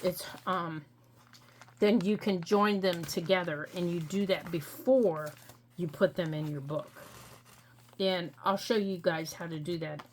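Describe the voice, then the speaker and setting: A middle-aged woman hosting a crafting tutorial, explaining each step gently and patiently with frequent ums. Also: fairly low pitch, measured pace, a little hiss or hum. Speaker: crafting channel host.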